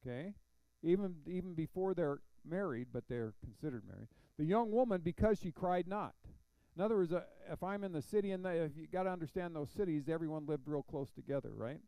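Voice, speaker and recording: A man's voice: a little high, animated, fast talker, gravelly, hardly any pauses, mellow, clear, resonant tone, dry recording, poor audio. A man teaching an adult Bible class, reading scripture aloud and explaining it with questions to the class. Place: church classroom.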